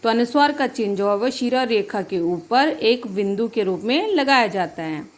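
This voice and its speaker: A woman's voice: fairly high pitch, expressive, normal speed. A woman teacher giving a grammar lesson, patient, repeating each point and checking that her students follow. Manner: addresses students as children.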